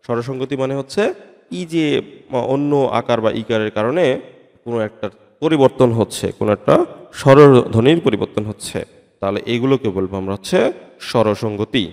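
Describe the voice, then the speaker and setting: A man teaching an exam-prep grammar lesson, explaining slowly and spelling out sounds letter by letter, repeating terms and checking with "right?". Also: medium pitch, darkish tone. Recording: long hall reverb.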